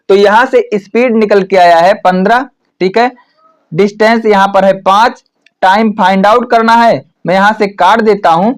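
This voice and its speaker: A man teaching an exam-prep math lesson, working through problems step by step and saying "okay" often. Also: sits high. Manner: explains step by step with frequent "ठीक है" fillers.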